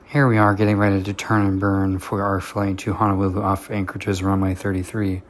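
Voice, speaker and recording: A man's voice: sits low, monotone, a little fast. A man narrating a travel trip report as an enthusiastic aviation vlogger. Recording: very loud background noise.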